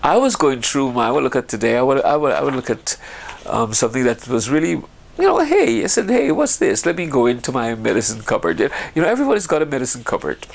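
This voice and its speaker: A man's voice: mid-range voice, very animated, fast, gravelly. A man from Guyana chatting casually and ramblingly about his home remedies, with frequent restarts and laughs. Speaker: vlogger.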